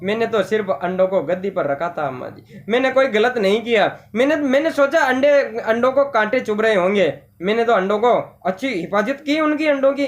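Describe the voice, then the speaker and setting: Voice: mid-range voice, expressive, moderate pace, few pauses, close to an everyday voice. A tearful young boy who pleads that he meant no harm, put on by a teacher. He sounds close to crying and keeps insisting. This is a story read aloud in class. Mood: pleading.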